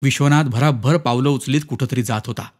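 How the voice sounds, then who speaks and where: A man narrating a short story in an expressive, dramatic reading. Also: medium pitch, fairly quick. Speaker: story reader. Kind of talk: scripted narration.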